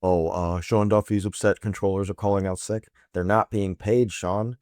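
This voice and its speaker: Speaking at a moderate pace, the man has a fairly low, slightly mellow voice and a steady tone, captured at studio quality with no room sound. As host of a political news commentary show, he reads scripted material with sarcasm and emphasis, firing off rhetorical questions.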